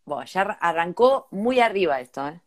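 Lively Argentine woman reading emails. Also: fairly low pitch, fairly quick. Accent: Argentine Spanish. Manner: reads listener emails aloud with joking asides. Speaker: podcast co-host. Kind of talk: casual comedic chat.

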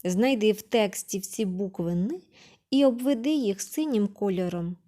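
A woman's voice: medium pitch, lively intonation, normal speed, over music. A woman kindergarten teacher giving a remote literacy lesson to preschoolers, patiently asking questions, answering them herself and sounding out words syllable by syllable.

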